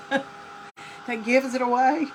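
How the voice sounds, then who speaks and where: With a noisy background, a woman's high voice draws out words in fairly even intonation. She's a North Carolina craft host with a Southern accent, working at her craft table on a live stream and chatting folksily with viewers by name.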